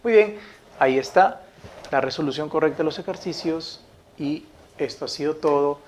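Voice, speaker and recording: A man teaching a grammar lesson, reading each example sentence slowly, saying it twice and checking in with his listeners. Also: a little high, slight background noise.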